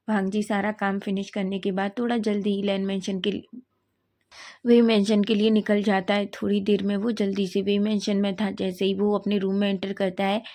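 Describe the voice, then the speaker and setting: Female storyteller with a mellow, warm tone; reads every character's lines in her own voice. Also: mid-range voice. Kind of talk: narrating a fan story aloud.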